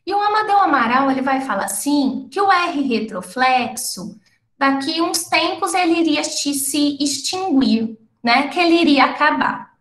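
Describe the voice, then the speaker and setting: A woman's voice: high-pitched, expressive, measured pace, fairly bright tone, reverberant. A woman from the interior of São Paulo state with a caipira accent, giving an explanatory academic talk and often checking in with her listeners. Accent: caipira, interior São Paulo Portuguese. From interior of São Paulo state, Brazil. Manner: explanatory, frequent tag questions. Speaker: lecturer.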